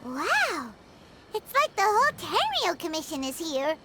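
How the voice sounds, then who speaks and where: Squeaky, excitable little creature. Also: female voice, measured pace, heavy background noise, full character voice. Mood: excited, surprised. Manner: exclaiming, curious. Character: small, squeaky, excitable childlike companion creature. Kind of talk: video game voice acting.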